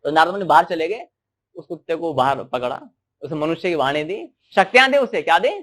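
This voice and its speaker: A man telling a religious parable as a sermon, animated and putting questions to his listeners. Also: fairly high pitch, brisk. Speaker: storyteller preacher. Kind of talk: devotional sermon storytelling.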